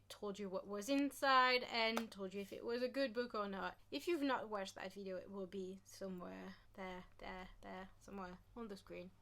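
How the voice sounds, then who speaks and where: A young woman from France with a French accent, chatting casually in her own vlog, animated and self-mocking, with frequent whispered asides. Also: fairly high pitch. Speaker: vlogger.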